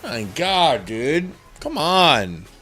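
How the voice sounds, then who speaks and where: Male sports podcast co-host, unhurried, bright tone, blunt and profane. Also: medium pitch, expressive, soft background music. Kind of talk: casual watch-along chat and play-by-play.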